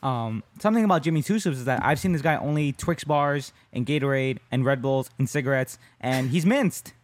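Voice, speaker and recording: A man's voice: mid-range voice, lively intonation, a little fast, no room sound. A man co-hosting a casual podcast, talking about his sport and often checking in with his listeners as he goes. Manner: conversational, keeps checking in with "right?". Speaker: podcast co-host and jiu-jitsu competitor.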